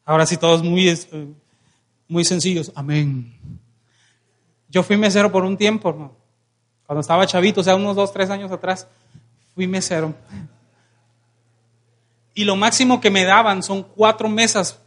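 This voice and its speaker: Young man, Mexican Spanish accent, high voice, pastor's sermon, playful, asks the congregation for amens. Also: moderate pace, long pauses. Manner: lively, joking preacher who calls for congregation responses.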